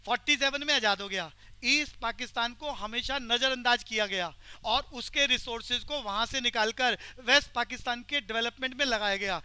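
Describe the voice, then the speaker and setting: A male teacher lecturing a class and pressing the students for quick answers. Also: extremely high pitch, pushed and bright, clear, resonant tone, no echo.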